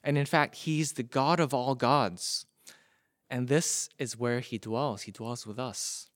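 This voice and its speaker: A male preacher acting out a stern guard of an ancient Israelite camp, speaking firmly and sometimes dropping to a hushed tone, in a dry close sound. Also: mid-range voice, slow, no room sound, close to an everyday voice.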